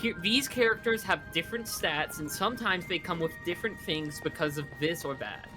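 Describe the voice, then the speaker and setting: A man's voice: high voice, a little fast, over music, rough recording. A man in casual gaming chat, rambling through ideas with lots of likes and restarts. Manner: rambling, many fillers and restarts.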